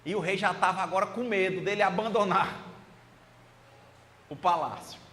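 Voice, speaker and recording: A man playing a calm, wise fakir who speaks softly and unhurriedly, gently stern, in a spiritual talk. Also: high voice, normal speed. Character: calm wise male fakir, serene old holy man. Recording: echoey hall, faint noise.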